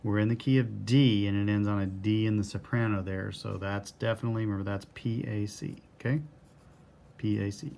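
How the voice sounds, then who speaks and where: Male music theory teacher, low gravelly voice, patient step-by-step explainer. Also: fairly even intonation, a little fast, darkish tone, a little hiss or hum. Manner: patient, step-by-step, counts bars aloud. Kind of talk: recorded lesson explaining a score.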